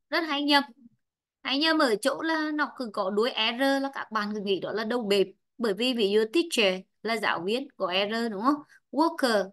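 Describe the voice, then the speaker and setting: A woman's voice: on the high side, fairly bright tone. A woman English teacher with a Vietnamese accent, a native Vietnamese speaker, giving an online lesson, drilling words by saying each twice and explaining in her own language.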